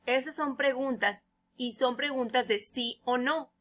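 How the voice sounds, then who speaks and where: Slow, bright-voiced woman teacher. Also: high voice. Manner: explains patiently in Spanish, reads English examples slowly and loudly. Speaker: English teacher. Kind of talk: recorded feedback lesson.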